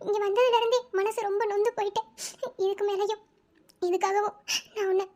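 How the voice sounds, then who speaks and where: Woman doing an earnest young woman, very high and flat. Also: fairly quick. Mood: heartfelt. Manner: pleading, heartfelt, steady. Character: earnest young woman opening her heart.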